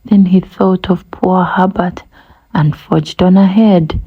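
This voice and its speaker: A woman reading a rhyming children's book aloud, gentle and rhythmic, often dropping to a breathy whisper. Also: on the low side, fairly even intonation, slow, phone-quality sound. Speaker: storybook reader.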